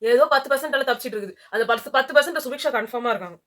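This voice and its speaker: High, quick woman reviewer, scornful and lively, casual chat. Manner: animated, mocking, talks over her co-host. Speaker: reality show reviewer.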